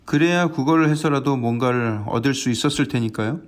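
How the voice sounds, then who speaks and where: A man preaching an early-morning sermon as senior pastor, earnest and animated, acting out scenes in his storytelling. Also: medium pitch, a little fast. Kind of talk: dawn prayer sermon.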